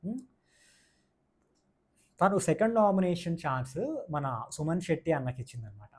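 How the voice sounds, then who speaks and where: A man's voice: on the high side, big pitch swings, moderate pace, darkish tone. A man giving a casual, opinionated review of a reality show, mixing in English words and repeating his points for emphasis. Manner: mixes English words into speech.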